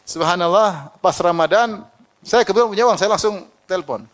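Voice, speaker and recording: A man's voice: high-pitched, a little fast. A middle-aged man preaching a sermon, telling personal anecdotes, quoting Arabic and laughing often. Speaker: Islamic preacher.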